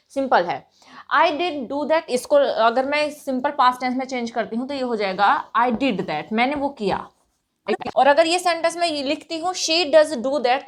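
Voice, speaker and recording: A woman teaching a grammar lesson, explaining patiently and stressing words when she acts out emphatic replies. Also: high voice. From India. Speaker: English teacher.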